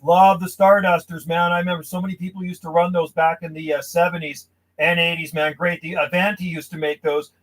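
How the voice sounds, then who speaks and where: Chatty man with a higher-pitched voice. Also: little pitch movement, brisk, a bit bright, low-quality recording. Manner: chatty, casual, addressing listeners as buddy. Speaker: amateur CB radio operator and video host. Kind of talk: casual radio chat. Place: small insulated radio shack outdoors from the house.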